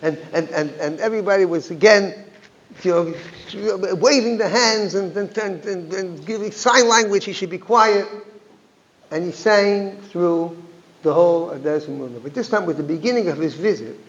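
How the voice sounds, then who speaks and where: A man's voice: sits high, normal speed. A male rabbi, a guest speaker, telling an anecdote at a community gathering, with frequent restarts and Yiddish phrases. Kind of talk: storytelling talk at a community gathering. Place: synagogue hall. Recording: echoey hall, dull lo-fi sound.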